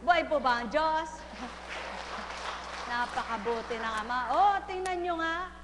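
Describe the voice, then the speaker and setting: A woman's voice: high-pitched, expressive, a little slow, big-room sound, background noise. A woman faith healer at a live healing session, teasing and questioning a patient with short, repeated questions.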